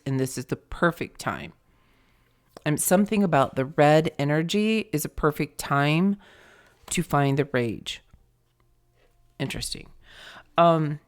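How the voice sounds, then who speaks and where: A woman giving an intuitive tarot reading in a soft, meditative way, often sinking to a hushed near-whisper and pausing with fillers as she searches for words. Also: low voice. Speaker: tarot reader.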